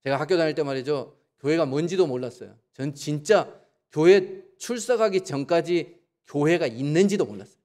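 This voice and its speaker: A pastor gives a Sunday sermon in a church sanctuary. His voice sits a little high for a man. He keeps asking the congregation questions and acts out the people he quotes with sudden leaps in pitch. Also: lively intonation, moderate pace, darkish tone. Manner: asks the congregation rhetorical questions.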